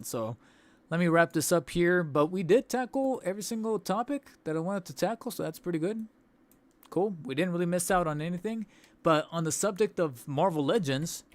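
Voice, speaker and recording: A young man with a slightly high voice wraps up a toy collecting livestream, rambling casually as his voice gives out. He interrupts himself, restarts and laughs between thoughts, speaking into a studio desk mic as the channel's host.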